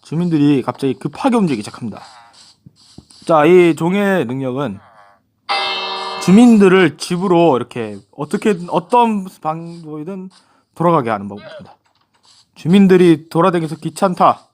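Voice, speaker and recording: A man's voice: a little high, moderate pace, long pauses, slight background noise. A young man giving casual gameplay commentary, explaining new items and talking to himself as he plays. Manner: lively, talks to himself while playing. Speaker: gaming YouTuber.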